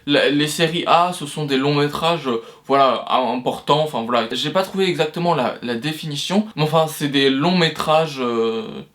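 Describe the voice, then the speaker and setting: A man's voice: fairly high pitch, moderate pace, hardly any pauses, fairly bright tone. A young man hosting an educational video on film history, talking loosely with many fillers and restarts. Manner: loose, hesitant delivery full of fillers and restarts. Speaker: history of cinema video host. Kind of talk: casual educational talk.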